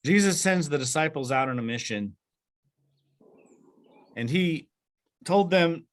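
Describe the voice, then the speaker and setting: A man leading a Bible study over a video call, explaining with many fillers and restarts and asking the group questions. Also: medium pitch.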